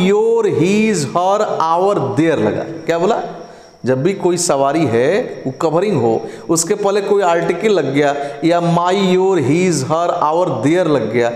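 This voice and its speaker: A male English teacher going through exam answers step by step, mixing Hindi and English and often asking if it is clear. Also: on the high side, darkish tone. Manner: speaks slowly and deliberately, dictating; switches between Hindi and English. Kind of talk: exam prep lesson explaining grammar answers. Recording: echoey room with long reverb.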